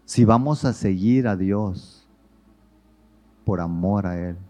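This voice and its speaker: Fervent male preacher, low and mellow, shifting between hush and urgency. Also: slow pace. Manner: fervent, swings from hushed to raised. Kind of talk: sermon.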